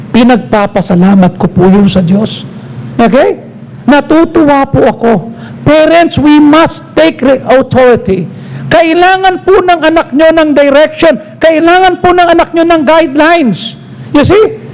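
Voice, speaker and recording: A man's voice: very high-pitched, rough recording. A man with a Filipino accent preaching a sermon as pastor, emphatic and exhorting, switching between Tagalog and English. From Philippines.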